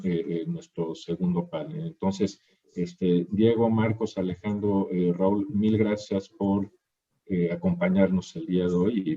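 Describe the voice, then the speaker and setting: A man hosts an online industry panel over a video call, pausing often with fillers. His voice sits low and very dark with a husky edge. The call audio is dull and lo-fi. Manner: hesitant, many fillers. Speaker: webinar moderator. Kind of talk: hosting an online industry webinar.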